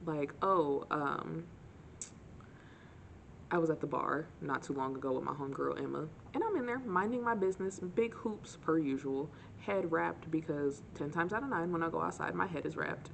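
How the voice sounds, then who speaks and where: A young woman with a lowish, gravelly voice, chatting straight to camera. She tells her stories with sarcastic, animated flair. A faint hiss sits under the recording. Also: moderate pace. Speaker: vlogger. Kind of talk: casual storytime chat.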